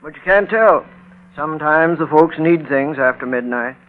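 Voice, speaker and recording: A man plays an absent-minded drugstore keeper in a 1930s-style radio drama. His voice is a little high, hesitant and mild. The old recording is thin as a phone line. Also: normal speed, lightly acted. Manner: hesitant, repeats himself. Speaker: drugstore owner.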